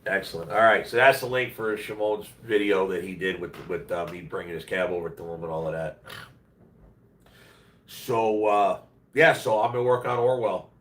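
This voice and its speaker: A man with a fairly deep, congested and nasal voice rambles casually to his live chat. He sounds run-down and speaks bluntly, in loose slang. The room echoes around him and the mic is a little way off. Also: fairly even intonation, moderate pace, a bit bright, far from the mic. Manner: blunt, slangy, plain-spoken. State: under the weather, voice worn out. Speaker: live stream host. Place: at home, roomy-sounding indoor space.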